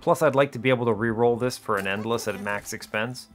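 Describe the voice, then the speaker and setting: A fast-talking gaming video host with a medium-pitched voice speaks over background music. He casually narrates a strategy game, explaining his reasoning as he thinks aloud and questions his own moves.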